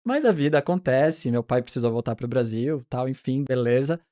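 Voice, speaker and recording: A man in his forties, a pediatric neonatologist, telling his career story in a relaxed, chatty interview with frequent restarts. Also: mid-range voice, moderate pace, no echo, clean studio sound.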